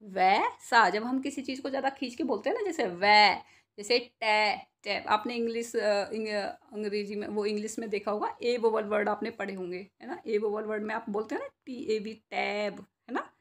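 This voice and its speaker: A woman teaching a Hindi reading lesson to young children, slowly sounding out syllables and asking and answering her own questions. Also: medium pitch. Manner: slow, drawn-out syllables when sounding out words.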